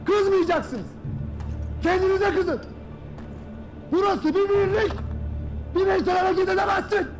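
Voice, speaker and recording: A merciless army commander berates his troops in a piercing, high-pitched bark. Film music swells loudly behind him as he shouts. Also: unhurried, long pauses. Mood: shouting, furious. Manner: barking, scolding, shouts orders. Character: stern, harsh male army commander scolding soldiers. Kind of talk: film drama acting. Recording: film audio with loud music score.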